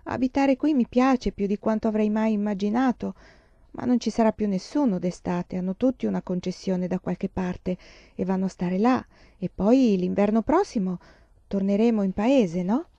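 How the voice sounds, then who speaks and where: An eager fifteen-year-old farm girl who reacts quickly and speaks up readily, as a woman reading the story voices her. The tone is mellow, and the recording is dull and dry. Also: medium pitch, dry recording, close to an everyday voice. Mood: wistful.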